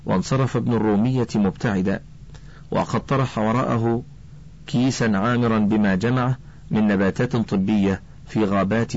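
A man reads a storybook aloud in a calm, measured way. His voice is fairly low. The recording has a dull, lo-fi sound. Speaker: narrator. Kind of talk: storybook narration.

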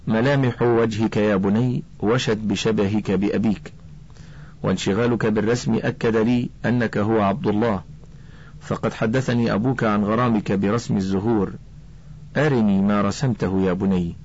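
A man voicing an older male botanist scholar, speaking gently and slowly like a kind mentor. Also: fairly low pitch, steady tone. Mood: kindly. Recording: dull lo-fi recording.

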